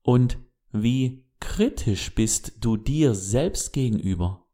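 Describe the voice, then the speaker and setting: A man giving a reflective motivational monologue as a self-help speaker, who speaks to the listener directly with gentle questions. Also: medium pitch, lively intonation, slow.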